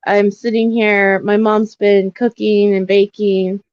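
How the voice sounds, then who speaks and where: A woman talks casually on a live call, in brief, soft remarks with plenty of "um"s. Her voice comes through a bit dull and lo-fi. It sounds dry, with no room echo. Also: medium pitch, flat delivery, takes it slowly. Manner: soft, brief replies with many fillers. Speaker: co-host of a live advocacy chat. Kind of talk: casual live-stream chat.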